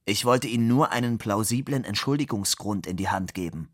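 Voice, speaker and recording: A man's voice: lowish voice, fairly quick, dry recording, clean studio sound, close to an everyday voice. A man reading aloud who voices a stern, stout older office director, stiff and reproachful.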